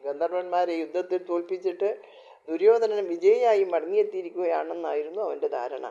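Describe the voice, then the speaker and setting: A man narrating an epic tale in a calm, measured scripted reading. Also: high voice, vocal fry, muffled recording. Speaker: storyteller.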